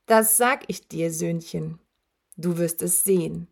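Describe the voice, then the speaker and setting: Woman doing a rasping, gloating werewolf. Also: fairly low pitch, slow, heavily acted. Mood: gloating menace. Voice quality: rattling, rasping voice. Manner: taunting, gloating. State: wheezing, labored breath. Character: huge dying male werewolf, mocking and cruel.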